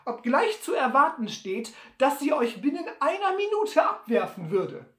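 A reader putting on a high, squeaky old trapper who drawls with mock innocence. The voice jumps around in pitch and takes its time. A roomy echo hangs behind it. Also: sing-song, measured pace, a bit bright, exaggerated voice. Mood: sly, doubtful. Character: quirky old frontier trapper, sly and dry.

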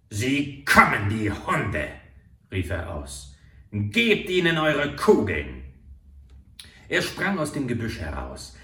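A man narrates an adventure audiobook in a slow, unhurried way. His pitch rises and falls widely for drama, and the recording sounds roomy, as if he stands back from the mic. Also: recorded from a distance.

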